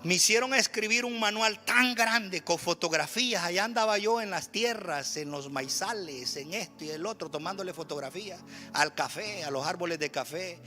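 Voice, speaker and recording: Salvadoran male pastor, high-pitched and sharp-toned, lively sermon voice mixing exhortation and humor. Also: moderate pace, soft background music. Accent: Salvadoran Spanish. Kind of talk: church sermon. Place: church sanctuary.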